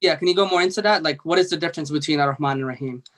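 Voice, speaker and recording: A man's voice: a little high, rapid-fire, fairly bright tone. A man hosting a religious discussion in a casual, informal way, deferential to his guest. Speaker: host.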